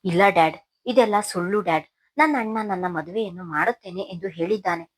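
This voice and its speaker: A woman's voice: fairly low pitch, brisk, lightly acted. A woman voicing a young daughter who pleads while crying, in a storybook narration. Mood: tearful.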